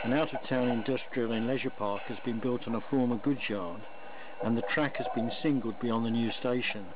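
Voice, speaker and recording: A man giving a plain, deliberate, matter-of-fact explanation as a hobbyist presenting a video. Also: mid-range voice. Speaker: model railway hobbyist presenter. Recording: muffled phone-like sound with clear noise.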